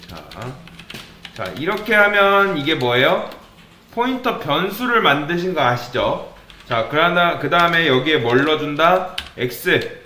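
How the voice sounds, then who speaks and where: A man's voice: a little high, pushed and bright, roomy sound, a little hiss or hum. A man teaching a programming lesson, asking the viewers questions and then answering them himself. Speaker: programming instructor. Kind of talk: coding lecture with questions to viewers.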